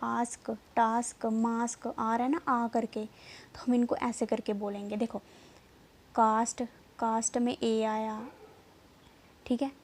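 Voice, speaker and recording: A woman teaching a basic lesson, slowing down to spell out letters and often checking in with "okay". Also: fairly high pitch, little pitch movement. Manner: repeats "theek hai" often, slow and drawn-out when spelling letters. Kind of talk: classroom lesson.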